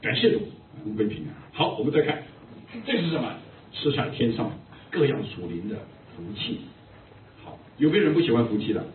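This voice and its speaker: A man's voice: mid-range voice, big pitch swings, a little fast, slight background noise. An older man preaching a sermon as a pastor, telling humorous anecdotes. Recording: distant echoey phone-like recording.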